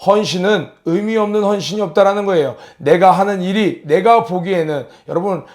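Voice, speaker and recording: A man's voice: high-pitched, a little mellow. A male pastor preaching an online early-morning sermon, asking the listeners questions and acting out the voices of mockers. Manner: asks the listeners questions, acts out mocking voices. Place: church service streamed online.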